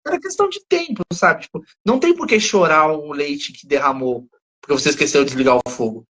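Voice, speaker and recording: A man's voice: fairly high pitch, expressive, fairly quick, fairly bright tone. A man with a Brazilian Portuguese accent, co-hosting a podcast and picking apart a TV plot as he thinks aloud. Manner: analytical, thinks aloud, restarts often. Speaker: podcast co-host. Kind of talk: casual discussion of a TV episode.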